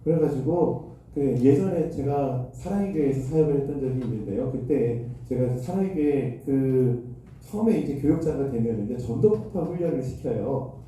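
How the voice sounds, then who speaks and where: Pastor preaching in an echoey hall. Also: male voice, mid-range voice, lively intonation, normal speed, mellow. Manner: self-deprecating anecdotal storytelling with acted quotes. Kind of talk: sermon storytelling. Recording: echoey hall, mic far off.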